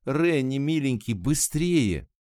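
A man reading an audiobook voices a small, excitable young woman, lifting his voice higher. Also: normal speed, no echo, studio quality. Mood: excited. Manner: eager, raised pitch.

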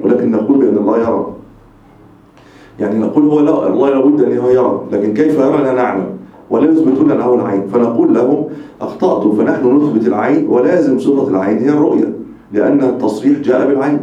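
A man's voice: mid-range voice, dark tone. A man giving a religious lecture as a sheikh, explaining emphatically and restating his points. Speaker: sheikh teaching a religious text. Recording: echoey, distant, dull lecture recording.

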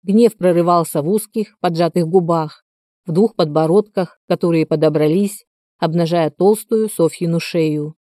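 Female audiobook narrator, steady and even, low mellow voice, dry close read. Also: normal speed, no echo. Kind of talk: scripted narration.

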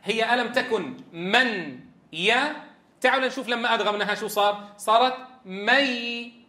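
Bright-voiced man teaching Quran recitation. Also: high-pitched, fairly quick, echoey room. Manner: demonstrates sounds, drills students with repeated questions. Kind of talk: tajweed lesson.

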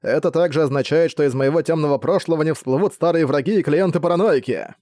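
A man's voice: fairly high pitch, quick pace, dark tone, no echo, studio quality, voice pushed up, lightly acted. A man voicing a cocky male ex-villain who is smug, flirty and mocking.

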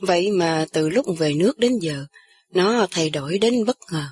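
A woman's voice: lowish voice, animated, normal speed, a little mellow, close to an everyday voice. A woman voicing an older woman, an anxious aunt who speaks through tears. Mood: tearful. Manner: tearful, pleading.

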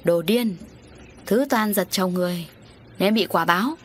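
A woman voicing a scheming rich village wife who panics over ghosts, in a raised, shrill voice. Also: a little slow, slight background noise, lightly acted. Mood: scolding.

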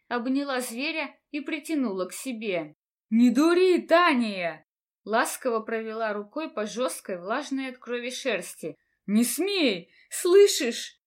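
A woman reading a fantasy novel aloud in steady, even narration. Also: fairly high pitch, moderate pace, hardly any pauses. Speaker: audiobook narrator. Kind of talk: scripted narration.

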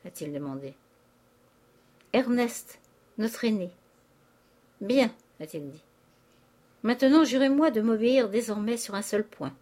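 A woman's voice: fairly high pitch, expressive, unhurried, pauses often, mellow. A woman reading aloud, voicing a distraught young aristocratic wife making a tearful confession. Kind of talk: audiobook character reading.

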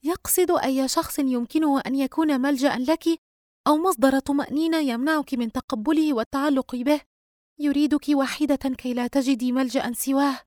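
A woman doing an anxious, high-voiced young friend. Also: fairly even intonation, a little fast, a little mellow, no echo, studio quality, natural voice.

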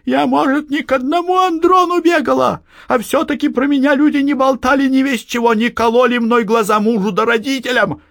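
Male reader putting on an older peasant mother, high-pitched, lively scolding, dry close sound. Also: slow pace, no room sound, heavily acted. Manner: scolding, shouting reproaches. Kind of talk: audiobook reading.

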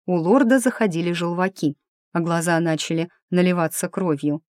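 A woman's voice: fairly low pitch, normal speed, darkish tone, no room sound, studio quality. A woman narrating a first-person audiobook in a wry, ironic manner.

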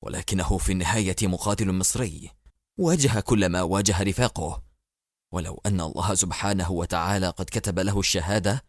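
A man voicing a grave, grieving male president, speaking low, hushed and solemn in a dry audiobook recording. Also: dry recording, natural voice. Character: grave grieving male head of state, firm.

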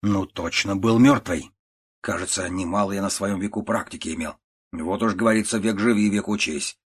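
A man voicing a boastful, talkative doctor in an audiobook reading, in a low husky voice. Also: moderate pace. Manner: boastful, chattering.

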